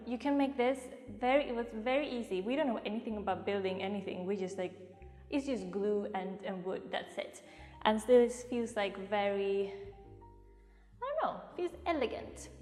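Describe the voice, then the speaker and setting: A woman's voice: medium pitch, a little mellow. Woman in a heavily echoing empty room. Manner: chatty, with many "like" fillers. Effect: strong echo of an empty room. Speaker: vlogger. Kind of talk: casual home vlog chat. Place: nearly empty apartment room. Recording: echoey bare room with long reverb, faint music.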